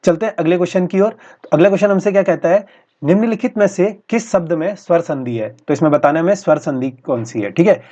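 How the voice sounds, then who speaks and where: A male teacher going through practice exam questions in a steady, explanatory way, often repeating each answer. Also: sits high, fast talker. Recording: dull lo-fi recording.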